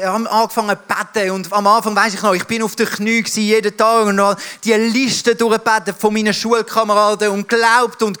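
A man's voice: very high voice, bright, forceful tone, clean tone. A man in his thirties with a Swiss German accent, preaching a sermon emphatically and addressing the listener directly.

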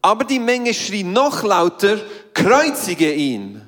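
A man's voice: high-pitched, sing-song, fairly bright tone. A man interpreting a sermon phrase by phrase and reading scripture aloud. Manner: quick, following the speaker phrase by phrase. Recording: reverberant church hall.

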